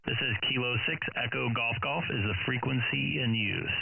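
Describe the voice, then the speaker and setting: Gravelly ham operator calling over tinny radio static. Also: male voice, mid-range voice. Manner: repeats call sign in phonetic alphabet, measured on-air cadence. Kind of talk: calling CQ on the air. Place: home ham radio shack. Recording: tinny phone-like sound, faint static hiss.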